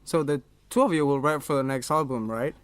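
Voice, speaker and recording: A man's voice: mid-range voice, fairly quick, clean tone. A man asking questions as an interviewer.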